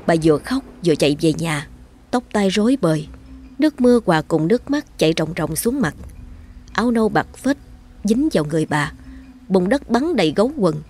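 A woman narrating a storybook in a measured, descriptive way. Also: lowish voice, a little mellow. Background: faint background music.

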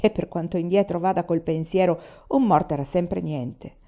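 A woman reading the lines of a calm, hard-hearted male rebel leader, blunt and unsentimental. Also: on the low side, moderate pace, muffled recording, natural voice.

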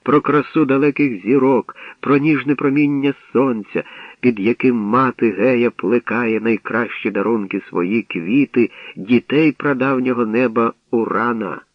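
A man reading a mythic story aloud as an audiobook narrator, in steady, measured scripted narration. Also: medium pitch, no echo. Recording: dull lo-fi dry recording.

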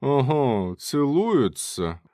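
A man voices a sly, sarcastic schemer who drawls his mockery at a slow pace. The sound is dry and close, with nothing of the room in it. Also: lowish voice, big pitch swings, gravelly, a little mellow, no room sound, exaggerated voice. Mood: mocking. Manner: sarcastic, mocking, drawn out. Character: mocking, sly man with a cigar. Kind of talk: audiobook character reading.

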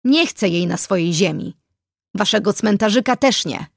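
A woman reading the part of a calm, curt adult male vampire in a dry, matter-of-fact way. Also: mid-range voice, moderate pace, no room sound.

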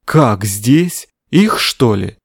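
A man voicing a lanky, slow-witted city guard sergeant. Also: mid-range voice, expressive, breathy edge, no room sound, heavily acted. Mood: puzzled. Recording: dry studio sound.

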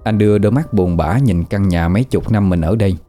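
Man narrating a ghost story, warm dark voice, soft music behind. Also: lowish voice, brisk.

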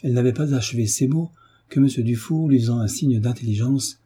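A man reading a classic novel aloud as an audiobook narrator, measured, lightly voicing the characters' lines. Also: mid-range voice, mellow, breathy edge. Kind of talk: scripted literary narration.

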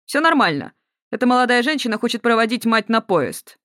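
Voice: mid-range voice, very animated, fairly quick, pushed and bright, no room sound, studio quality, voice pushed up. A narrator voicing a curt young policeman.

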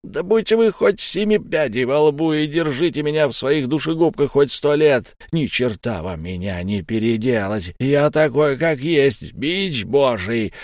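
A man's voice: mid-range voice, animated, unhurried, few pauses, a little mellow, no room sound, studio quality, lightly acted. A man doing a growling guttural demonic entity. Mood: scornful menacing. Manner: insolent, scornful. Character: malevolent dark entity possessing a male patient, brazen and cruel.

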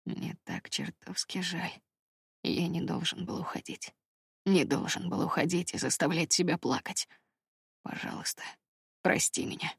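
A woman reading the part of a remorseful young fisherman in love, speaking low in a husky half-whisper. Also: normal speed, pauses often, no room sound, heavily acted. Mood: pleading. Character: remorseful crab-fisherman lover, young man.

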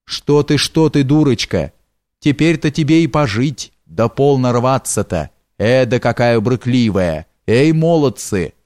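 A sly, leering old man wheedles and coaxes in a low, sugary storybook voice, as a male narrator puts him on. The reading is close and dry, with no room sound. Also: expressive, a little slow, darkish tone, no room sound, close to an everyday voice. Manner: wheedling, coaxing with endearments.

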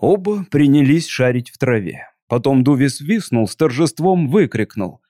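A man reads a story aloud with calm, measured pacing. His tone is mellow and dark, set against a dry, close recording with no room echo. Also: mid-range voice. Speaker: narrator. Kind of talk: audiobook reading.

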